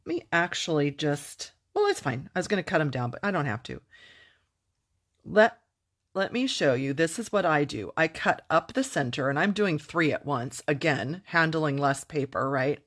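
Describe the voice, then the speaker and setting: A craft demonstrator live-streams a tutorial, chatting upbeat and enthusiastic as she works, thanking viewers and replying to comments. Her voice sits low but is very animated and a bit bright, at a moderate pace.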